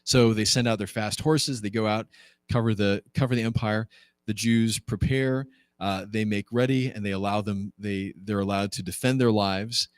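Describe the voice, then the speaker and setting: A low-voiced man leads a Bible class as its pastor, retelling the story in a loose, conversational way. He keeps turning to the class with rhetorical questions and jumps up in pitch to act out what the characters say. The sound is dry and close. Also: moderate pace, dry recording. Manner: conversational and animated, acts out quoted lines with jumps in pitch.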